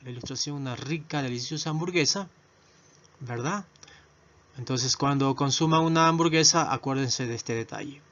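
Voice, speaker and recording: A man teaching English vocabulary to Spanish speakers, a native Spanish speaker who repeats each word slowly several times in a video lesson. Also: medium pitch, a bit bright. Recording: dull lo-fi recording.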